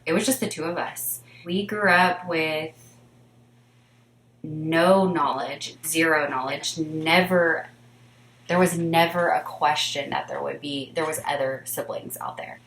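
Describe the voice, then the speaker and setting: A woman in her thirties from Texas, telling her own story slowly and deliberately, often repeating herself. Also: low-pitched, fairly even intonation, fairly bright tone, roomy sound, a little hiss or hum, poor audio. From Texas, USA. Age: 30s. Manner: slow and deliberate, repeating phrases. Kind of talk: casual personal storytelling.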